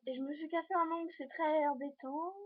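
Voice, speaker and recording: A high-voiced teenage girl speaks directly to her viewers in a casual fashion vlog, chatty and rambling with many hesitations as she holds things up to the camera. Her intonation is fairly even and her pace fairly quick. The sound is dull and lo-fi, captured on a simple camera microphone.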